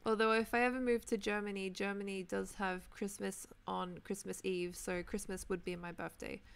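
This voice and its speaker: A woman's voice: medium pitch, little pitch movement, normal speed, vocal fry, smooth. A woman in her twenties with an Australian accent, chatting casually with viewers while playing a building game. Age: 20s. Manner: chatty, rambling, answers viewers' comments. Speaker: Minecraft streamer. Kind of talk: casual chat while gaming.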